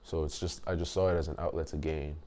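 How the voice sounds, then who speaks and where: A man in his twenties from Nigeria, speaking thoughtfully in a documentary interview and pausing often to rephrase. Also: very deep voice, fairly even intonation, darkish tone. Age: 20s.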